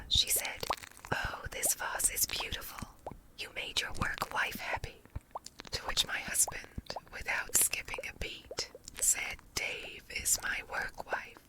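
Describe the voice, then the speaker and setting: A woman reading a story aloud as ASMR in an unvoiced, breathy whisper, layered so that it sounds doubled, in measured phrases. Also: extremely high pitch, rough recording.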